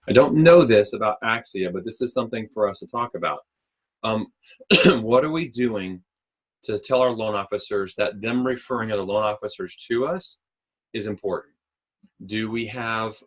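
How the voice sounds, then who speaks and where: A man giving a business presentation on recruiting to a sales team, asking them questions and often clearing his throat, close to the mic on a call. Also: lowish voice. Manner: coaching, asks the audience questions. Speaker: mortgage recruiting trainer. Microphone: close mic, remote call.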